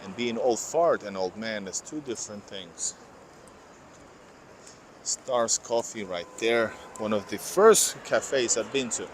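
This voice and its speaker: Walking outdoors through city streets amid loud traffic, this Finnish vlogger chats to his livestream audience in a lowish, expressive voice at a slow pace. His slight Finnish accent reflects a first language of Finnish or Russian. He wanders off topic, fixes his own wording, and reads out what viewers type.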